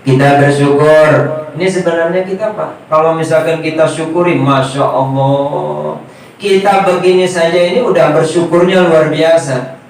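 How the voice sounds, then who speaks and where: Animated male preacher in echoey prayer room. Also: fairly high pitch, moderate pace. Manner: animated storytelling, addresses listeners directly. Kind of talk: sermon. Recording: echoey room, distant mic, faint noise.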